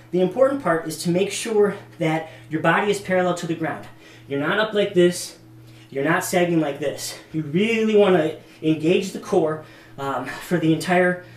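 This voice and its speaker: A man walks through workout exercises like a casual fitness instructor, with lots of ums and a slightly out-of-breath sound. His voice sits a bit high. The camera mic is some way off, so the room echoes around him. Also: recorded from a distance. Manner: casual, demonstrating moves with many ums. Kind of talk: workout demonstration.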